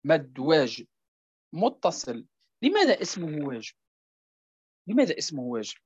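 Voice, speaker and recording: A woman's voice: sits low, sing-song, normal speed, a little mellow, breathy edge, no room sound, dull audio. A woman teaching a tajweed lesson, repeating each point and checking that her students follow. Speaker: Quran recitation teacher.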